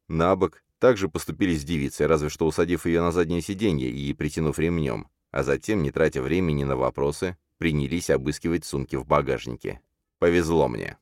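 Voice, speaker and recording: A man reading a first-person crime thriller audiobook, with a low, dry voice that leaps up sharply for shouted threats. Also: dry recording. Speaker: audiobook narrator.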